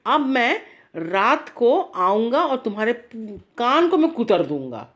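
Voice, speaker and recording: A woman's voice: a little high, big pitch swings, slow pace, fairly bright tone, full character voice. A cheeky, swaggering male mouse from a spoken bedtime story, played by a woman reading aloud. He brags and demands, and he threatens with a raised, pushy voice. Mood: threatening. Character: cocky mischievous male mouse in a shiny cap.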